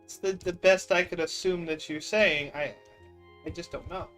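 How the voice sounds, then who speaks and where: Faint background music accompanies a young streamer whose voice sits on the high side, a bit bright, with fairly even intonation and normal speed. Playing a block-building game, he gives casual, rambling commentary and incredulously teases his chat.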